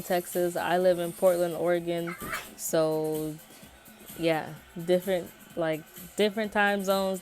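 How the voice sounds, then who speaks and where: Slightly low-voiced American woman chatting candidly. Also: darkish tone. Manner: colloquial, candid, rambling storytelling. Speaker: vlogger. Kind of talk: casual personal chat to camera.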